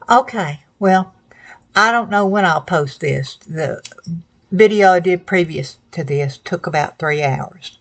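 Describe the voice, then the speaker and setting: Older toothless woman, slow and husky. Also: low-pitched, low-quality recording. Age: older, 60s or above. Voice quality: toothless, slightly slurred speech without dentures. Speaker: home cooking vlogger. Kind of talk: casual, rambling chat to camera. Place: small home kitchen, indoors.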